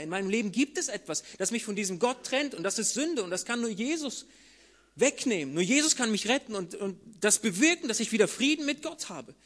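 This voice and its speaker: A man preaching a sermon, speaking straight to the listener with rhetorical questions and emphatic passages. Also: sits high. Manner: emphatic, rising to loud passages.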